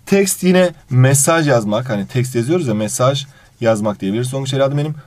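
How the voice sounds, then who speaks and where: A man's voice: medium pitch, brisk, no room sound. A man teaching an exam review lesson, reading out English phrases and translating each one while fondly addressing his student. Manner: animated intonation.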